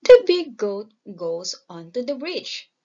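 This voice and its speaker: A woman slowly and clearly reading a simple children's story aloud as a storyteller. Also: a little high, big pitch swings, mellow, highs cut off. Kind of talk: slow storybook reading for learners.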